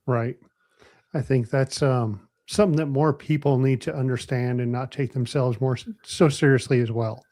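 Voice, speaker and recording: A man's voice: medium pitch, fairly even intonation, moderate pace, warm tone, no room sound. A man hosting a casual podcast chat, asking guests questions in a laid-back way over a video call. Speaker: podcast host.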